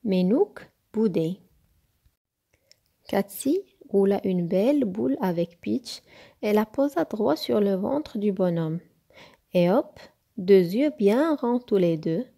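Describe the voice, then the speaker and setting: A woman reading a children's story aloud in a slow, careful, clear narration. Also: medium pitch, animated, dark tone.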